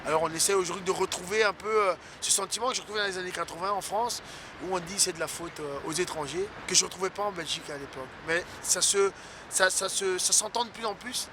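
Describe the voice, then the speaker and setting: A man from West Africa speaking earnestly in a documentary interview, his voice a bit higher than usual for a man. He pauses often on fillers. Clear traffic noise hums behind him. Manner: earnest, hesitant with many fillers.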